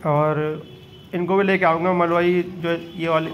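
In this casual walkthrough from a rooftop pigeon loft, shot on a handheld phone, a man with a fairly high pitch talks a little slowly and flatly to his viewers, showing off his birds. The recording is muffled with a little hiss or hum.

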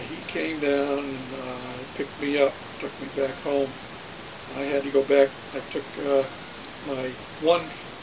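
A man's voice: a little high, vocal fry. A man in his sixties casually rambling through old car memories to camera, with folksy uh fillers, in a small home den. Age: 60s. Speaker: vlogger telling car stories. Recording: hissy webcam recording.

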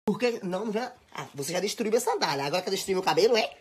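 Talking into her phone at home, this young Bahian woman delivers a casual stories monologue, scolding and chattering in an over-the-top, dramatic way. Her medium-pitched voice is husky and expressive, and she races along. She's a social media personality with a Bahian Brazilian Portuguese accent.

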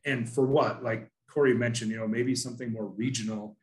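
A man's voice: medium pitch, steady tone, brisk. A man in his thirties speaking earnestly on a video call from an office, with many restarts and fillers. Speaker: panelist from an asphalt producer. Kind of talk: casual webinar discussion. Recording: roomy video call audio.

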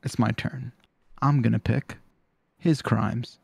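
A man's voice: medium pitch, steady tone, slow pace, creaky, a little mellow, slightly rough, no room sound. A man co-hosting a podcast in casual chat, dry and sarcastic, close on the microphone. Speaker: podcast co-host. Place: indoor room on a video call.

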